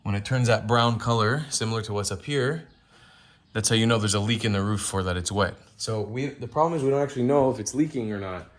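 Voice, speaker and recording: A young man casually narrating a vlog, explaining repairs and chores. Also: fast talker. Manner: loud pitched-up dog commands; relaxed explaining tone. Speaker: vlogger.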